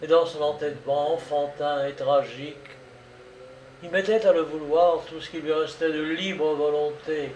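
A man narrating a classic story in a measured, dramatic reading style. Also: on the high side, fairly even intonation, darkish tone. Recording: roomy, distant mic, faint noise.

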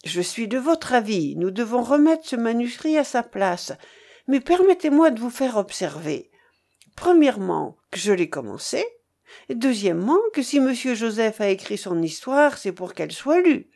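Reading aloud in a high-ish, sing-song, mellow voice at a moderate pace, a woman voices a cunning female servant. The character coaxes and persuades her master in a wheedling mood.

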